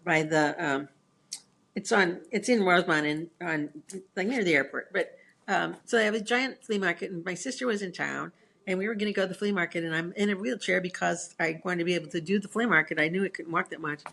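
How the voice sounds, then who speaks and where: A woman in a casual chat, telling stories in an animated way and laughing at herself. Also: lowish voice, a little fast, vocal fry. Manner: animated storyteller, acts out quotes, laughs at herself.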